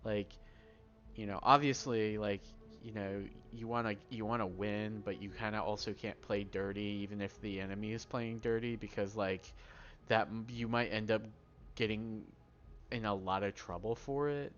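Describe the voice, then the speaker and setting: A man giving casual, rambling playthrough commentary on a video game, with informal, halting asides as he plays. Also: lowish voice, fairly even intonation, a bit bright, soft background music. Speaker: gamer playing and commenting. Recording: dull microphone, faint background noise.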